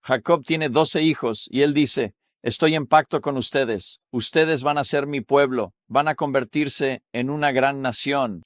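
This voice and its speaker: A man's voice: mid-range voice, a little slow, few pauses, no echo, studio quality. A man, a pastor, teaching a Bible study, often asking rhetorical questions and checking in with the listeners.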